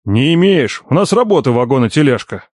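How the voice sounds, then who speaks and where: A bossy, grumbling middle-aged uncle who barks orders and teases with a gruff edge, as a male audiobook reader puts him on. The pitch swings widely through the scolding. The voice sits dry and close, with no room around it. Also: sing-song, a little fast, darkish tone, no room sound. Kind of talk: audiobook character voice.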